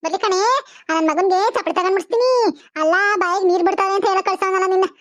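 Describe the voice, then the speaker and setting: A woman voicing a loud, fussing old village mother in a cartoon, speaking in a rustic village dialect. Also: very high voice, steady tone, racing, no room sound, studio quality. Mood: angry. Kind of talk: cartoon voice acting.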